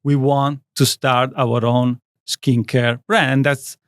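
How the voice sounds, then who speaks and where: A man's voice: mid-range voice, little pitch movement, takes it slowly, clean tone, dry recording. A man in his thirties from Italy with an Italian accent, speaking Italian as his first language, telling his story as a guest in a studio interview in an earnest, rambling way. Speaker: guest, skincare brand founder. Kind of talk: interview conversation.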